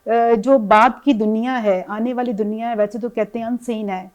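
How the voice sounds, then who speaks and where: Higher-voiced woman interviewer, gentle questions. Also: steady tone. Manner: gentle, drawn-out questions with English words mixed in.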